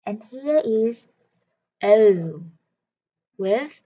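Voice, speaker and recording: A woman teaching the alphabet to children. She pronounces each word slowly, repeats it, and praises the listener. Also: fairly high pitch, animated, mellow, husky. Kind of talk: slow pronunciation drill. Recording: dull lo-fi sound.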